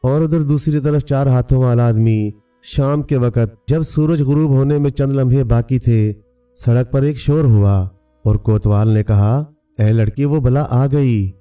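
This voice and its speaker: A man narrating a fairy tale in a measured, even storybook reading. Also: medium pitch, clean tone. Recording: distant mic, faint music.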